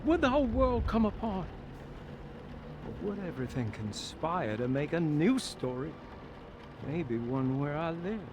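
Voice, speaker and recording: An actor playing an anguished, despairing man in a video game, brooding and halting as if speaking to himself. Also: on the high side, sing-song. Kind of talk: dramatic video game acting. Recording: clearly noisy game ambience.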